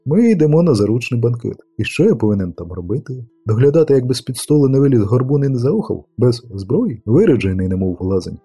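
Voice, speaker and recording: A man's voice: medium pitch, big pitch swings, quick pace, hardly any pauses, warm tone, breathy edge, faint music behind. A man doing a wry monster hunter. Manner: dry, mildly sarcastic.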